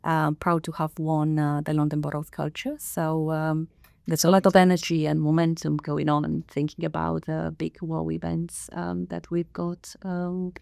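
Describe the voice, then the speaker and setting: Middle-aged woman from Romania, podcast guest, gravelly fry, dry close sound, thoughtful and unhurried. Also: sits low, flat delivery, darkish tone, dry recording. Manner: measured, thoughtful, many pauses and fillers. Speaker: guest, council director. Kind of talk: podcast interview.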